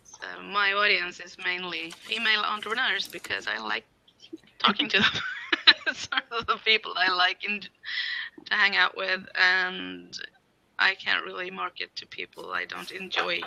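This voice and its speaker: A woman's voice: medium pitch, normal speed, gravelly, bright, forceful tone, poor audio. A woman from Sweden, an artist and intuitive guide, talking in a thoughtful, meandering way on a video call. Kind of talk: casual video-call chat.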